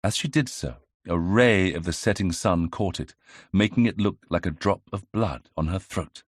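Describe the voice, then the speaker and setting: Man, audiobook narration, measured storytelling, husky tone, deep voice. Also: dry recording, clean studio sound. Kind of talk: scripted narration.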